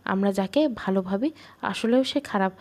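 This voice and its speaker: Woman reading a gentle village mother. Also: mid-range voice, normal speed, lightly acted. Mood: wistful. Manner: gentle, affectionate, calling her son dear. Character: tender, weary village mother.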